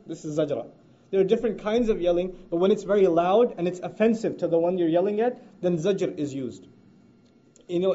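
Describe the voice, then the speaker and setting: A man teaching the Quran, explaining Arabic grammar in English and reciting verses quickly. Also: high-pitched, dark tone. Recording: dull lo-fi recording.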